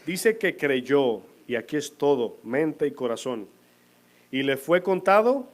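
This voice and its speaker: A man preaching a sermon to his congregation, asking them questions and answering them himself, slowing down to stress key words. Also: medium pitch, sing-song. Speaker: pastor. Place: church.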